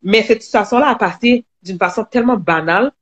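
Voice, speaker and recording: A woman with a Quebec French accent, a guest telling her own story in an online live interview, halting with many restarts. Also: mid-range voice, lo-fi sound.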